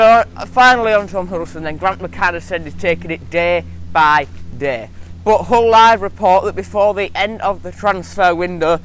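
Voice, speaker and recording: Lisping higher-voiced young man in a retainer. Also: fairly bright tone, rough recording. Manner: lisping, slurred talk from wearing a retainer. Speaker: football vlog host. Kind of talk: casual vlog to viewers. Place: outdoors. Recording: outdoor noise, vehicles, passing grass cutter. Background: traffic-like outdoor noise, grass cutter.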